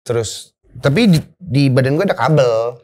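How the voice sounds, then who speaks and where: A woman's voice: extremely low pitch, moderate pace. A woman guest telling a story in a casual interview, talking in slang, repeating words for emphasis and acting out her own thoughts. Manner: animated, acts out quoted thoughts.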